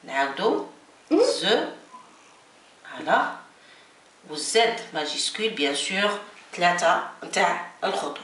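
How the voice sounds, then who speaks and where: A woman teaching a beginners' French lesson, slowly repeating letters and words as she explains. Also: fairly low pitch, lively intonation, fairly bright tone. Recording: echoey room, mic at a distance, faint noise.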